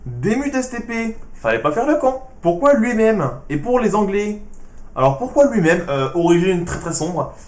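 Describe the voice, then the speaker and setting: A man answering fan questions in a casual vlog, with dry, sarcastic replies in a hushed voice. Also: high-pitched, sing-song, moderate pace, echoey room.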